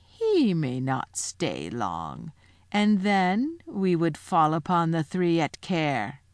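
A woman voicing a cold, scornful witch queen who speaks slowly and commandingly. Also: sits low, wildly swooping pitch, dry recording, studio quality, full character voice. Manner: slow, commanding.

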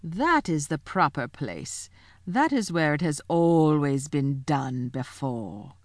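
Woman voicing a scornful witch queen, slow, commanding, low voice. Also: sing-song, dry recording, studio quality, heavily acted.

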